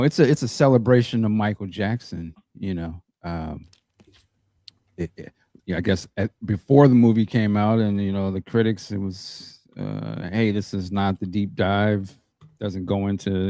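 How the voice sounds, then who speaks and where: Low-voiced man co-host, easygoing and meandering, recorded dry. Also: lively intonation, moderate pace, dark tone, dry recording. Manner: laid-back, rambling, laughs easily. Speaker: co-host panelist. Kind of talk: casual podcast chat.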